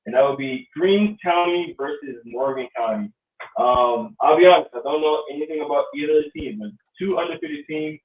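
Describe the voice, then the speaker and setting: A man with a slightly high voice talks sports casually at a moderate pace, hosting a podcast in a loose, rambling style full of ums. The sound is echoey and far off, like a phone line.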